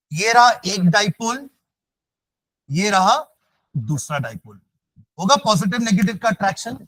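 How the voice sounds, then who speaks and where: A male chemistry teacher lecturing a class, asking students again and again whether they follow and dictating notes slowly, with phrases. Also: sits high, pushed and bright, dry recording.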